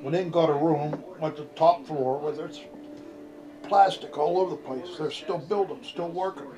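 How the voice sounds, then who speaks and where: A man's voice: a little high, moderate pace, over music, rough recording. An older man with a grandpa voice tells a casual, rambling family anecdote in a folksy, salty way. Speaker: grandfather telling family stories.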